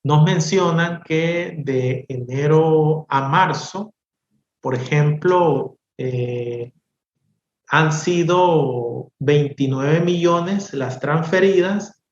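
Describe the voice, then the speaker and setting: Slow, measured man on echoey, dull audio. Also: on the high side. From El Salvador. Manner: slow, measured, hesitant with many fillers. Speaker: economist guest. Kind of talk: interview answers.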